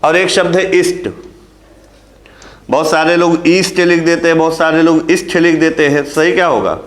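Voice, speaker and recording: Guy teaching hindi grammar for an exam, fairly high voice, keeps asking if its clear, roomy echo. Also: steady tone, moderate pace. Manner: explains step by step, often asks the class if it is clear. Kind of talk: classroom lecture on Hindi grammar.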